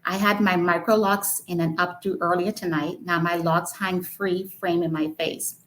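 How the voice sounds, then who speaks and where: Low-voiced woman, hesitant author. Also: fairly even intonation, normal speed, a bit bright, rough recording. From the Bahamas. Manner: hesitant, with frequent ums. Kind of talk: interview and reading from her book.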